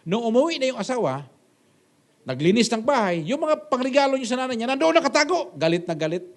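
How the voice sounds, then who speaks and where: A man preaching a sermon as pastor, with emphatic rhetorical questions and sudden loud exclamations. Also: very animated, quick pace. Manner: swings between loud high exclamations and low quiet asides.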